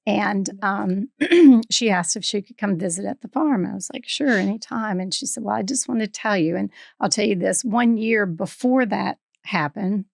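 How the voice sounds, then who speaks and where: A woman's voice: mid-range voice, normal speed, vocal fry, hardly any pauses, a little mellow, no room sound, studio quality. A woman, a guest on the show, telling a story in a chatty way, with many "um"s and "you know"s. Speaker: guest, farm founder. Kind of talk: casual storytelling.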